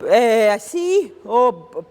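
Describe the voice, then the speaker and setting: A woman's voice: fairly high pitch, sing-song, drawn-out words, darkish tone, long reverb tail. A woman with a Brazilian accent teaching an online Sunday school Bible lesson in a conversational way, often ending her sentences with a questioning tag. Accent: Brazilian Portuguese.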